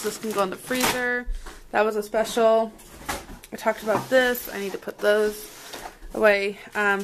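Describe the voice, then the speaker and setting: At a dining table in her home, a woman vlogger shows off a grocery haul in a casual, rambling chat, thinking aloud as she goes. Her voice runs somewhat high, and the handheld camera microphone picks up noisy audio with clicks.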